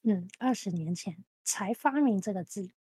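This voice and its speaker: A woman in her thirties, co-hosting a podcast, tells an animated story with plenty of repeated phrases. Her voice is husky and a little breathy. The recording is dry and close. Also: medium pitch, normal speed, no echo. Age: 30s. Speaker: podcast co-host. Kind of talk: casual chat.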